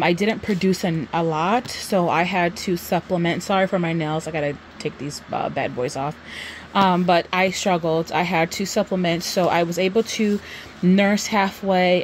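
A woman's voice: on the low side, slight background noise. A young woman chatting casually in a home vlog, a little out of breath, with lots of ums and restarts. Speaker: vlogger.

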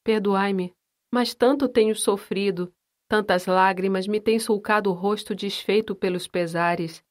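Woman playing a tender martyred mother, soft and plaintive. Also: mid-range voice, fairly even intonation, measured pace, lightly acted. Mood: anguished. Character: gentle, suffering noble wife and mother.

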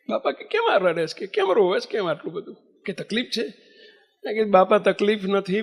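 High-voiced man preaching in a hall. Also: gravelly. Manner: animated storyteller acting out dialogue. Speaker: swami giving a religious discourse. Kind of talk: sermon with storytelling. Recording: long hall reverb.

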